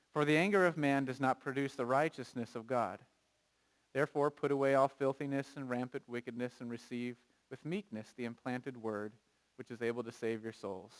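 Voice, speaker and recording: A male pastor with a medium-pitched voice preaches a conversational, animated sermon. He asks the congregation questions and reads scripture aloud.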